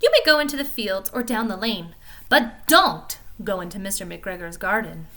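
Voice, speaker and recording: Woman voicing a bright, motherly storybook rabbit. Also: mid-range voice, pitched below the performer's own voice. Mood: gently warning. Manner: motherly, instructing, deliberate. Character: old mother rabbit, gently firm with her young.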